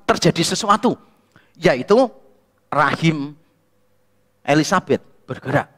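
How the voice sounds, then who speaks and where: A man preaching an expository sermon as a pastor, telling lively stories and acting out the people he quotes. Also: high-pitched. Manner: animated storytelling, acts out quoted people. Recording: reverberant hall.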